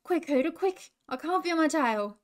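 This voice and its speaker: A woman doing a shrill, panicked kangaroo. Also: animated, moderate pace. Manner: shrill, yelping cries. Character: panicked young male kangaroo in pain.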